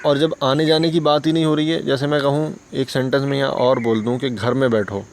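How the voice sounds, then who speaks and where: Gravelly-voiced man teaching beginners. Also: medium pitch, fairly even intonation, brisk, slight background noise. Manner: patient, repeats points, asks and answers his own questions. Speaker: English teacher. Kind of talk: explanatory lesson for beginners.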